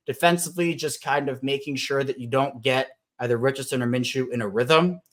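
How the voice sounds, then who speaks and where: A man's voice: medium pitch, fairly quick, fairly bright tone. Man hosting a casual football podcast. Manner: conversational, thinks aloud with restarts. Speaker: podcast host. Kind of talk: casual sports podcast chat. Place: Baltimore.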